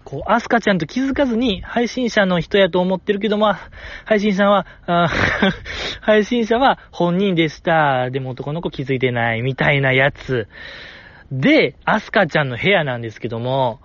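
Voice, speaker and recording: Solo podcast host, male, highish voice, dry dull recording. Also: normal speed, no echo. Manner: rambling, animated, with frequent laughs. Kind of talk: casual solo chat.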